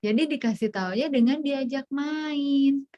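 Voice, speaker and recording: A woman's voice: high-pitched, unhurried, dull audio. A woman psychologist giving an online parenting workshop, explaining in a chatty way and acting out what a parent might say. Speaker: child psychologist speaker.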